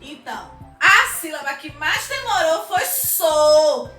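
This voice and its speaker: Brazilian schoolteacher, high voice, upbeat, stretched-out syllables, roomy echo. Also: female voice, sing-song, pushed and bright, distant mic. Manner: upbeat, drawn-out syllables when sounding out words. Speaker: primary school teacher. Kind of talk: recorded video lesson for children. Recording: echoey room, voice off-mic, music behind.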